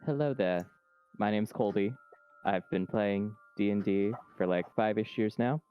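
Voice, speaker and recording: A man's voice: fairly low pitch, a little slow, smooth, dull audio, soft background music. A man chatting as a player at a tabletop game, playful and upbeat. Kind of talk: casual tabletop game chat.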